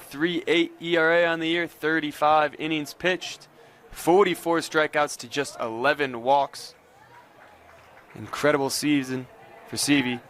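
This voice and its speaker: A man's voice: a little high, a bit bright. A man giving live play-by-play baseball commentary as a sports announcer.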